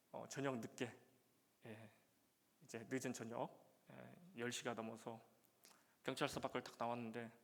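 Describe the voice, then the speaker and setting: A male pastor giving a sermon with a personal testimony, telling his story with many "예" fillers and breaking into loud, emotional prayer. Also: mid-range voice. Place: church sanctuary. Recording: long church reverb.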